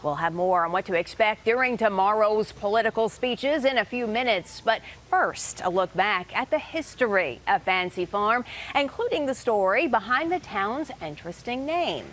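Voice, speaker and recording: A woman's voice: mid-range voice, expressive, moderate pace, a bit bright, slight background noise. Woman anchoring a news program. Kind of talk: scripted news presentation.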